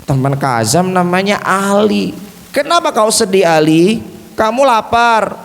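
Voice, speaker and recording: A man telling a religious lesson to children through a puppet show, with gentle, coaxing questions. He speaks at an unhurried, deliberate pace. A long reverb from a large mosque hall trails his voice. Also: high voice, expressive.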